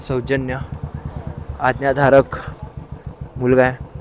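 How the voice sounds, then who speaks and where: A man's voice: mid-range voice, monotone, takes it slowly. A young man vlogging casually from his motorcycle, joking and rambling in a self-mocking, chatty way. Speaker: motovlogger. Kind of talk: casual rambling vlog chat. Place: outdoors on a motorcycle on city roads. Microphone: newly bought vlogging mic. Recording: loud traffic and engine noise. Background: motorcycle engine and street traffic.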